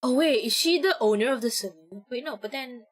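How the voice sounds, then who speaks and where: A woman streamer giving casual let's-play commentary, excitable and chatty, with frequent swearing. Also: on the high side, brisk.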